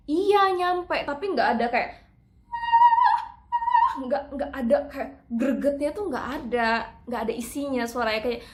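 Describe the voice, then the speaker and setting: High-voiced chatty woman vocal coach. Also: measured pace, reverberant, soft background music. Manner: chatty, demonstrates with operatic sung phrases. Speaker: singing teacher. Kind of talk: casual singing lesson.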